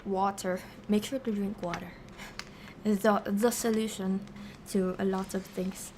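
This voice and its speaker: A woman streamer teaches in a casual, unhurried way. Her delivery is slow and halting as she writes, often muttering corrections to herself. Her pitch is mid-range, with faint noise in the background. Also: steady tone, a little mellow. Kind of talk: casual livestream lesson, talking while writing.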